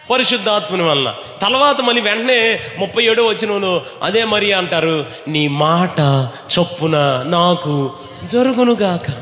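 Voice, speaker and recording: A male pastor with a high, bright, ringing voice leads a call-and-response sermon. He keeps pressing the congregation to repeat his words louder. The voice echoes around a large hall with a faint hum of ambience. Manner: urges the congregation to repeat lines loudly. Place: large echoing church hall.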